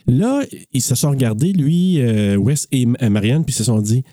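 Chatty Québécois man, dark voice. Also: mid-range voice, animated, moderate pace, a little hiss or hum. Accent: Quebec French. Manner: rambling, lots of fillers and restarts. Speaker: podcast co-host. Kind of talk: casual film podcast chat.

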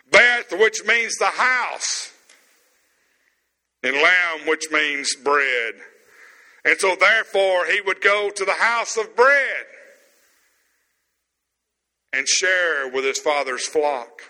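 A man preaching a sermon as pastor, stressing words slowly with pauses, in an empty room. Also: high voice, bright, forceful tone, big-room sound, rough recording.

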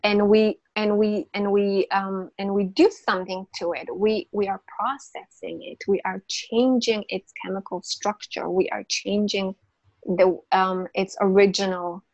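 Here a podcast guest who works as a natural health coach, a woman whose first language is not English, gives a casual interview explanation of nutrition. She is emphatic and repetitive, full of restarts and fillers. Her medium-pitched, darkish voice is steady and measured, in a muffled recording without echo.

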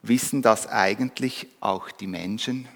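A man's voice: lowish voice, unhurried, creaky. Stern wise donkey, read by a man. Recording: reverberant church hall.

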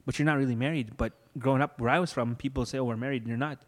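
A young man as an interview guest, giving an earnest personal testimony and going soft and low when moved. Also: fairly even intonation, racing, big-room sound. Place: room where he married.

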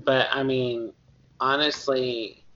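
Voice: medium pitch, steady tone, slow pace, bright, forceful tone. A podcast guest reading the books for the first time, chatting casually and teasing with dry humor. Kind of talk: casual book-club chat. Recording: lo-fi audio with faint background noise.

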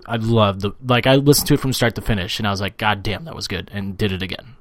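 A man's voice: lowish voice, steady tone, fast talker, fairly bright tone. A man co-hosting a podcast in casual chat, loose and profane, laughing easily. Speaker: podcast co-host.

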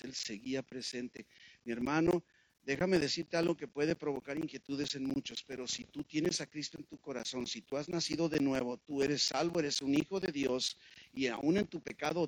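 A man's voice: mid-range voice, no echo, low-quality recording. A man preaching a sermon in a conversational way, often checking in with his listeners through rhetorical questions.

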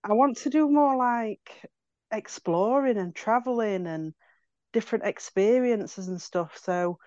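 A friendly, relaxed woman guest, an artist, chatting about herself. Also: a little high, a little slow, no echo. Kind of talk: casual chat. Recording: dull phone call.

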